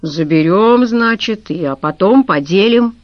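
A woman's voice: mid-range voice, animated, unhurried, dry recording, close to an everyday voice. A woman voicing a bitter middle-aged businessman who speaks coldly and sarcastically. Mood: cold sarcastic. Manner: cold, cutting and sarcastic. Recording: dull lo-fi recording.

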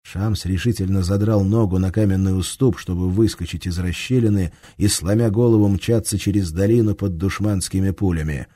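A man narrating a war story in a measured, tense tone. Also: low voice, fairly even intonation, mellow, no room sound, clean studio sound. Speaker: audiobook narrator. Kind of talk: scripted narration.

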